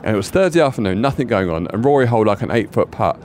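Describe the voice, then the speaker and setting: Man, podcast co-host, excitable rambling story, low voice, faint noise. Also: racing. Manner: excitable rambling anecdote, many restarts. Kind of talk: casual chat.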